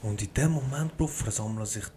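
Young Swiss-accented man, podcast host, slangy animated storyteller, faint background hiss. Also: on the low side, a little fast. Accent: Swiss German. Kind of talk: casual chat.

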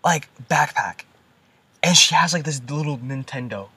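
A man's voice: on the high side, expressive, normal speed, sharp tone, breathy edge, no room sound. A teenage man co-hosting a podcast, giggling often and trailing off mid-sentence. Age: teens. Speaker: podcast co-host. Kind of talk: casual chat.

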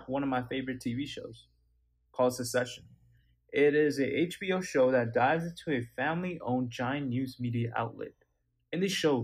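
A man's voice: mid-range voice, dry recording. A young man from Nepal hosting a solo podcast, telling his story in an earnest, sometimes indignant way. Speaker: podcast host.

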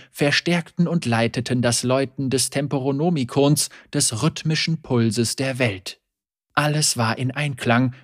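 A man reading a fantasy story aloud in steady scripted audiobook narration. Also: medium pitch, dry recording, studio quality.

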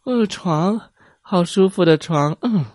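Guy putting on a whiny little witch girl, high and teary, storybook voice. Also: slow pace, darkish tone, no room sound, clean studio sound. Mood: sleepy. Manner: whiny and fretful.

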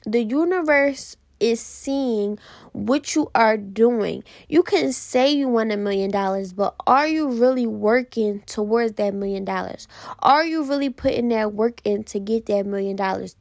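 A young woman hosting a casual motivational podcast, talking fast and passionately with plenty of repetition and casual slang. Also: on the high side, darkish tone, dry recording. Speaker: podcast host.

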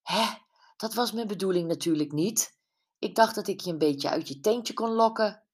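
A woman reading as gentle probing Jules. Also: medium pitch, moderate pace, breathy edge, pitched above the performer's own voice, close to an everyday voice. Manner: gentle but probing, a little know-it-all. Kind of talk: audiobook character voice.

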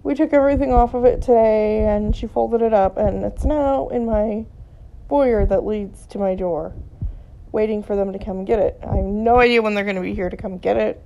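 A woman's voice: moderate pace, mellow. A middle-aged woman at home, sounding tired and sick, talking in a meandering, casual way with many ums and trailing sentences. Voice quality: gravelly, low-energy. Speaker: vlogger. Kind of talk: casual rambling monologue. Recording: dull lo-fi recording.

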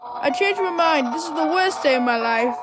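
A woman voicing an excitable, eager young male skeleton who talks loudly and dramatically. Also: sits high, normal speed, heavy background noise. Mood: dismayed.

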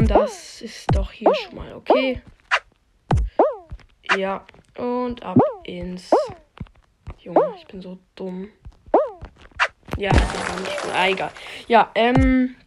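A woman hosts a podcast while playing a video game, tossing out slangy, casual commentary and swearing as she talks to herself and her listeners. The low-quality phone microphone makes the recording very noisy.

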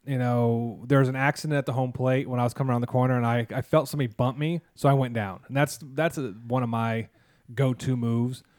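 A man's voice: medium pitch, fairly even intonation, quick pace, darkish tone, dry recording, clean studio sound. A man in his thirties or forties hosting a casual chat, rambling through stories with lots of fillers, restarts and sarcastic asides. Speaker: podcast host, mascot performer.

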